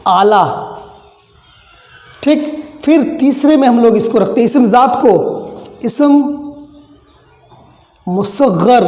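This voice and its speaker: A teacher walks through a grammar lesson, saying each term twice and firing off check questions. The tone is soft and mellow. The voice rings in an echoey indoor room with a long tail of reverb. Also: medium pitch. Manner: repeats key terms, asks quick check questions. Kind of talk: classroom grammar lesson at a board.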